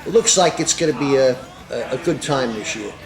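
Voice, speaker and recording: A man's voice: mid-range voice, expressive, brisk, reverberant, music in the background. A middle-aged man leading a swim club, talking in a casual interview, boisterous and full of uh fillers. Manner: boisterous, hesitant with many uh fillers. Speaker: polar bear club ringleader.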